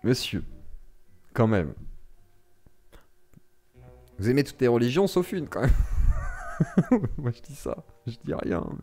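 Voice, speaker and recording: A man hosting a casual live stream reacts to a debate with mocking commentary. His pitch leaps around with lively swings. He laughs often and drops from loud bursts into low muttered asides. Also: takes it slowly, pauses often, faint music behind.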